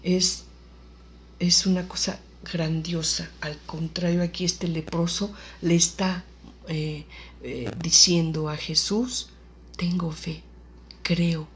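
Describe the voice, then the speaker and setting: Woman Bible teacher, low voice, unhurried reading with fillers. Faint background noise. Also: fairly even intonation. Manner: reads scripture aloud slowly, with fillers and self-corrections. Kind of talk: Bible lesson with scripture reading.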